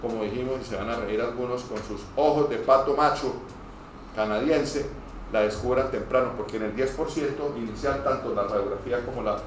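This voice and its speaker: Speaking to a group of medical trainees, this man, a pulmonologist from Cúcuta, lectures informally in a medium-pitched voice with a northeastern Colombian Spanish accent. He rushes, wanders off topic, and stammers through false starts. The room is very echoey, and the distant mic captures a noisy recording.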